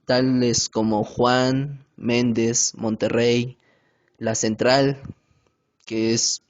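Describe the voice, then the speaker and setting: A man reads a grammar lesson aloud, slowly and with care, stumbling now and then. His pitch sits at an ordinary middle level. The recording is dull and lo-fi, made at home. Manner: slow, careful reading with hesitations.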